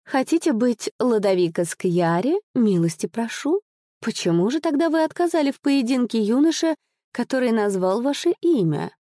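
A woman's voice: fairly high pitch, very animated, normal speed, dark tone, dry recording, clean studio sound, voice pushed up. A woman voicing a mysterious noble lady who speaks in a sing-song, lightly mocking way. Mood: cold.

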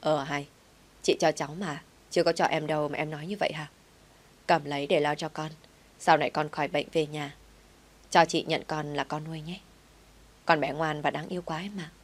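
A woman voicing a kind, wealthy woman company director who speaks in a caring, warmly persuasive way. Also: sits low, flat delivery, fairly quick, pauses often. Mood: affectionate.

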